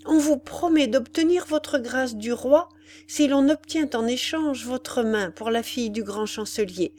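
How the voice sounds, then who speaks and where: An impassioned young woman begs her beloved, her voice pitched high and full of tearful urgency, as a woman narrator puts her on. There is a faint hum behind her. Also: a little slow, a little mellow. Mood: urgent. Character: desperate young woman pleading for her love.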